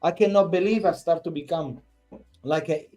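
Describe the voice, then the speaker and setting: A man's voice: a little high, moderate pace, warm tone, faint music behind. A man, hosting a fan channel, giving an exasperated, repetitive post-match rant full of swearing.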